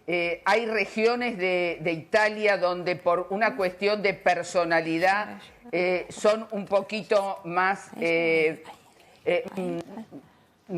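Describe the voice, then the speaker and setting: A woman co-hosting a news interview, asking long, chatty, rambling questions with many hesitations. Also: mid-range voice. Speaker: co-host.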